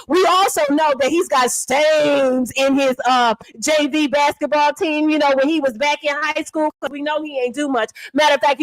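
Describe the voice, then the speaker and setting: A sassy woman streamer roasts someone for her live chat, mocking and teasing and calling everyone honey and baby. Her voice sits high. The sound is dry and close, with no room around it. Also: dry recording, rough recording. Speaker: livestream gossip host. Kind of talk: casual commentary to a live chat.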